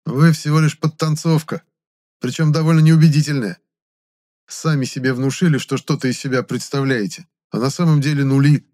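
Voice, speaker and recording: A man's voice: mid-range voice, steady tone, normal speed, darkish tone, voice pushed up, lightly acted. A man doing a cocky mocking young hero. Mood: taunting. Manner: mocking, taunting. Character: cocky young male necromancer hero, defiant.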